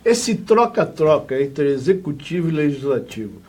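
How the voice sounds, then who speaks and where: A man's voice: a little high, big pitch swings, normal speed, darkish tone, breathy edge. A man with a Brazilian Portuguese accent, working as an interviewer in a conversational political interview.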